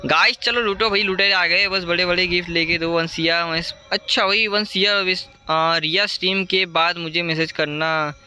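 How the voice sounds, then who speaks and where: High, bright-voiced man streaming a game. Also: fairly even intonation. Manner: chatty, repeats words in rapid strings, reacts to chat. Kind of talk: live gameplay commentary. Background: faint ambient noise.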